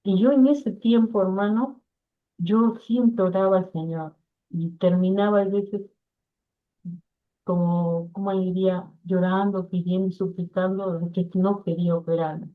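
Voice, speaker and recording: A woman's voice: medium pitch, unhurried. A woman giving an earnest personal testimony in an interview, acting out what others said to her. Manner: earnest, quotes others in lively voices. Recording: tinny phone-like audio.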